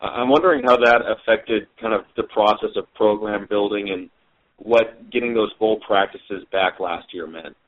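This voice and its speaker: A man with a fairly low voice asks a coach questions on a press call. He speaks haltingly, pausing with fillers as he forms each question. The line sounds dull and muffled. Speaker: sports reporter.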